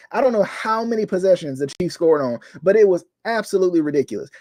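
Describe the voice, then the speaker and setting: A man's voice: high voice, mellow. A young man hosting a casual sports talk show, ranting in frustration, repeating himself and addressing viewers as y'all. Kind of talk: casual sports commentary vlog.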